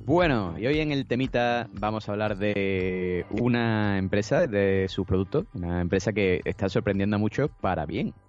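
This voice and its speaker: A man's voice: fairly low pitch, moderate pace, few pauses, a little mellow, soft background music. A man co-hosting a podcast, chatty and enthusiastic. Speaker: podcast co-host. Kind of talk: casual podcast chat. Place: home, over a Skype call. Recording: dry, slightly dull call audio.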